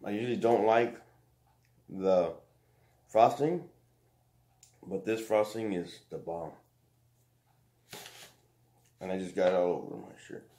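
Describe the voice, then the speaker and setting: A man's voice: low-pitched, expressive, slow, long pauses, warm tone. A man vlogging at home while eating, rambling casually to pets and viewers between bites. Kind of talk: casual mukbang vlog. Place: home, indoors.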